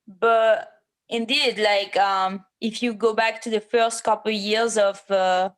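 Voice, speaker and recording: A woman's voice: mid-range voice, steady tone, slow. A woman in her thirties from France, speaking English as a guest in a casual interview, hesitant with many fillers and restarts, and blunt at times. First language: French. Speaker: MMA fighter, interview guest.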